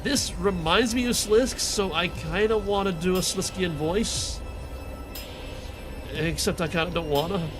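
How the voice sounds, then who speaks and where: A man's voice: sits high, unhurried, music in the background. A man giving casual game commentary as he plays and reads quest dialogue aloud.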